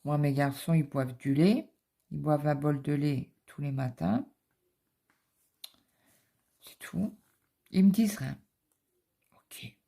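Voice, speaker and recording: A woman's voice: deep voice, slow, creaky, long pauses, mellow. A middle-aged woman, chatting casually and rambling through a story while she stitches in her home office. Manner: rambling anecdotal storytelling with many fillers. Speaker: cross-stitch vlogger.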